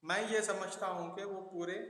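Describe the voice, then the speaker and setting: A man's voice: high-pitched, flat delivery, moderate pace, a bit bright. A man teaching an online class, going over each point again and again, mixing English with Hindi. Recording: echoey, roomy with long reverb.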